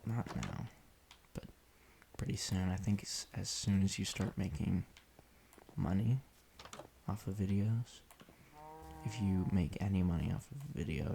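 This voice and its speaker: Low gravelly man rambling offhand. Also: a little hiss or hum. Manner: offhand and deadpan, trailing off with restarts. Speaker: solo podcaster playing a video game. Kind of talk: casual rambling monologue while gaming.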